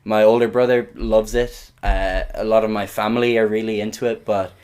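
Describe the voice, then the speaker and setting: Young irish guy from the west, galway accent, kinda low smooth voice, casual hesitant podcast chat. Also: flat delivery, normal speed, darkish tone. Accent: west of Ireland. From Galway, west of Ireland. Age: young adult. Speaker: interview guest, exchange student.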